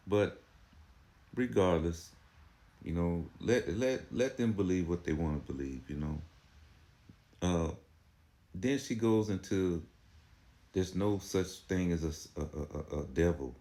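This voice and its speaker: With a deep, warm voice, a man comments casually on religious teaching in a preachy, argumentative way. His talk is repetitive and packed with "you know" and rhetorical questions.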